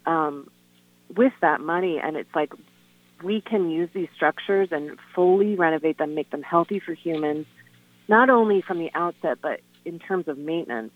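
A woman speaking over the phone as a guest on a call-in radio show, earnest and halting, with lots of "um" and "you know". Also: deep voice, no echo. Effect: heard over the phone. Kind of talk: casual radio phone interview. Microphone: telephone. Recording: tinny, dry phone line.

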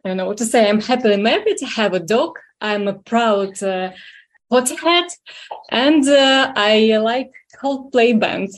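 A woman in her thirties from Russia, nervously answering interview questions. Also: a little high. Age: 30s. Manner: nervous, slow and halting. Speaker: interview guest.

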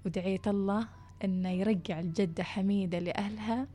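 A woman narrating a true story in a soft, hushed voice, sometimes dropping to a whisper. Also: mid-range voice, steady tone, a little fast.

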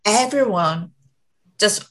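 A woman's voice: mid-range voice, lively intonation, takes it slowly, a loud crowd, poor audio. A woman with a Korean accent, speaking English as a second language as a podcast guest, searching for words in casual chat.

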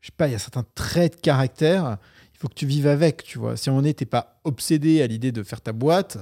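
Middle-aged male guest, candid and animated, casual swearing, mid pitch. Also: fast. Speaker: investor guest. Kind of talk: casual interview chat.

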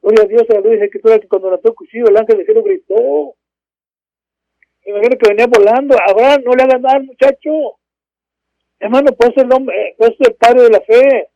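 Preaching fervently from home, a man with a very high-pitched, fairly even, brisk voice and some vocal fry calls out "hermanos" again and again. Between verses he bursts into "gloria a Dios, aleluya." The recording is dull, dry, and lo-fi.

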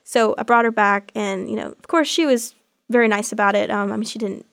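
A woman in a casual chat, relaxed and quick to laugh as she tells a story softly. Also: medium pitch, creaky.

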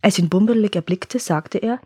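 A woman reading a fairy tale aloud in a calm, lively storytelling manner that slows for suspense. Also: mid-range voice, breathy edge, no echo, studio quality.

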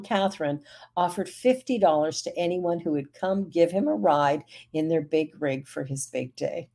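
A man's voice: high-pitched, dark tone. A man hosting a show and reading uplifting news stories, adding emotional, chuckling asides. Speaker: host and minister.

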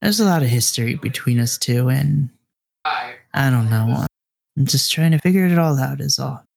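A man's voice: mid-range voice, lively intonation, moderate pace, creaky, a little mellow. A man voicing a brash, tough young woman who is shaken and hesitant, stumbling over and repeating her words. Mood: upset.

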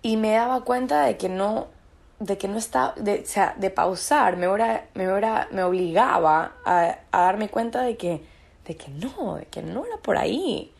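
A woman's voice: mid-range voice, expressive, moderate pace, gravelly, a little mellow. A woman as a podcast guest, talking about her own experience in an earnest, searching way and repeating words for emphasis. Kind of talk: reflective personal conversation.

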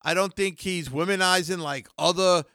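A man's voice: high-pitched, moderate pace, pushed and bright, dry recording, clean studio sound. A man in his sixties co-hosting a wrestling podcast, blunt and jokey in casual chat. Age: 60s. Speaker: podcast co-host.

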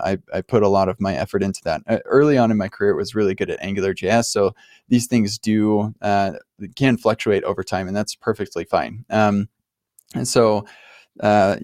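A man hosts a podcast and answers a caller in a friendly, reflective manner, often thinking aloud. His voice sits fairly low. The sound is dry and close to the mic. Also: a little mellow, no echo. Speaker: podcast host.

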